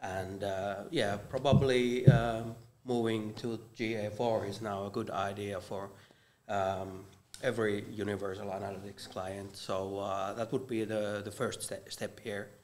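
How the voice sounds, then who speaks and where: Man, low voice, roomy. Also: flat delivery, unhurried, few pauses, darkish tone, slight background noise. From Finland. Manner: hesitant, many fillers. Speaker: guest panelist. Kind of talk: casual panel chat. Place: live conference venue. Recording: roomy live event recording.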